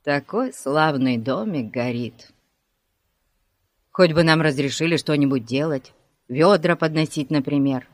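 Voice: medium pitch, a little slow, no room sound, pitched below the performer's own voice, close to an everyday voice. A reader doing the boy Larry, hot-tempered. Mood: wistful. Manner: sighing then shouting at boy. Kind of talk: audiobook character voice.

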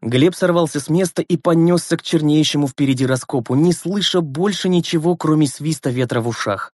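A man's voice: a little high, no room sound. Man narrating, dry close sound. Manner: measured, expressive storytelling. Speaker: audiobook narrator. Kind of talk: scripted narration.

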